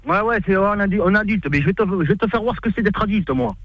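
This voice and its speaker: Brief: high-voiced, angry Corsican man who swears and threatens nonstop, heard over a muffled phone. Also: racing, a loud crowd. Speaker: prank call target. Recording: dull muffled phone line.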